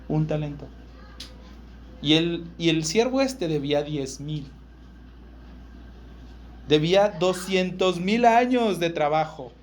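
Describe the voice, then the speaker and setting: A man's voice: on the high side, a little hiss or hum. A man with a northern Mexican accent preaching a sermon, emphatic, repeating key words and checking in with his listeners. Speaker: pastor.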